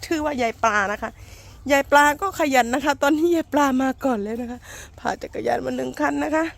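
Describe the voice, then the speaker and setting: A woman hosts a homemade comic skit outdoors in a rural garden, her high, brisk voice carrying some vocal fry with no room sound. She narrates like a playful, mock-earnest documentary, closing her sentences politely. It's a noisy amateur recording made outside.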